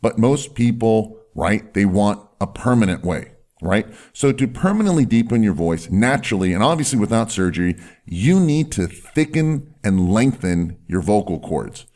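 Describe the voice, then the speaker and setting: Male presenter, deep and firm voice, emphatic instructional delivery with stretched key words. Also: expressive, normal speed, darkish tone. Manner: emphatic, stretches key words, often tags sentences with "right". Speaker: presenter giving voice and health advice. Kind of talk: instructional talk to camera or listener, salesy explainer.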